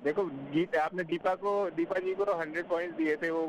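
Male caller, slightly high voice, jokey bargaining, noisy line. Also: little pitch movement, a little fast.

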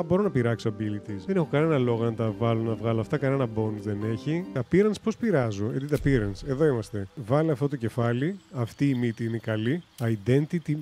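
A man streaming a game, chatting casually as he thinks aloud, running through options and cracking jokes. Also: medium pitch. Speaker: gaming streamer. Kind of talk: casual let's-play commentary.

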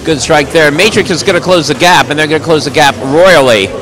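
Live bowling commentary comes from a man in the alley, projecting strongly and cracking chatty jokes between plays. His slightly high voice is brisk, with a crowd audible behind him.

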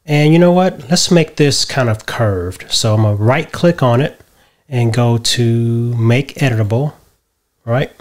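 A middle-aged man explaining a software tutorial step by step from a home office, often checking in with "right?". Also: medium pitch, measured pace. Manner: relaxed step-by-step explaining, tags lines with "right?". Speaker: tutorial host. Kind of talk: screen-share software tutorial.

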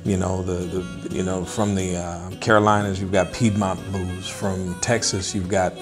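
A middle-aged man, a blues musician, speaking in an unhurried, thoughtful interview with many small pauses. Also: deep voice, flat delivery. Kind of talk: relaxed interview talk. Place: indoors, wood-paneled room, seated at a table. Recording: interview with guitar music mixed underneath.

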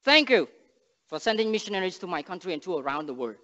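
A young man with a Cambodian accent preaches in earnest, halting English, often restarting his phrases and then rising hard on key words. His voice sits high for a man. It rings through a big sanctuary with a long reverb and comes across muffled. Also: sing-song, bright, forceful tone. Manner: earnest, halting non-native English with restarts and emphatic rises. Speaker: missionary speaker. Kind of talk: sermon with prayer. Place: large church sanctuary stage. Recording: long church reverb, dull sound.

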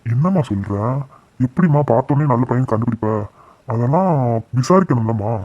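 Man voicing a mellow, remorseful village husband. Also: mid-range voice, lively intonation, brisk, dry recording, lo-fi sound, close to an everyday voice. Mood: surprised. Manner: caring, insistent questioning. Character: middle-aged village husband and father, remorseful. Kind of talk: cartoon drama voice acting.

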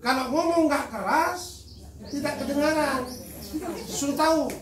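An older man from Madura speaking loudly and forcefully to a crowd at a charity event, joking with the audience. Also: very high voice, a little slow. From Madura, Indonesia. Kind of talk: addressing a crowd. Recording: echoey, distant mic with crowd noise.

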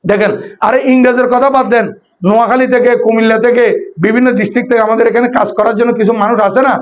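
A man's voice: very high voice, little pitch movement, rapid-fire. A man with a Chittagonian Bengali accent giving an emphatic, explanatory sermon with recited Arabic phrases. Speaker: Islamic scholar and preacher. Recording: dull lo-fi sermon recording.

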